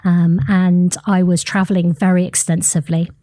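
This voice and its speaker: A woman's voice: on the low side, moderate pace, no room sound. A middle-aged woman telling her career story as an interview guest, chatty, with many ums and uhs. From United Kingdom. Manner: chatty, frequent ums and uhs, animated retelling. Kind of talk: interview conversation.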